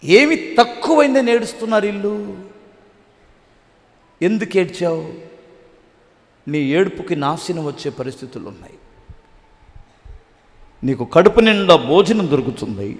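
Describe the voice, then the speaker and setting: Man pastor with a Telugu accent, very high pitch, fiery sermon in a reverberant hall. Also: very animated, moderate pace, pauses often. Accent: Telugu, Andhra Pradesh. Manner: preaching with swings between loud exhortation and low asides, calling for praise.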